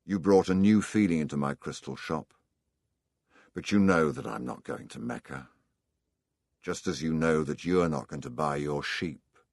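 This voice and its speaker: A man reading a quiet, knowing old merchant. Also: rumbling low, normal speed, no room sound, clean studio sound, pitched below the performer's own voice.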